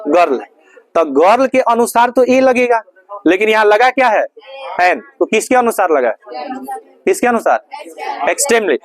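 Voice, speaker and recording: Male grammar teacher, high-pitched, quizzing call-and-response delivery with slow, stressed repetition. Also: big pitch swings. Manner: keeps quizzing listeners with repeated questions. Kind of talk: classroom grammar lesson.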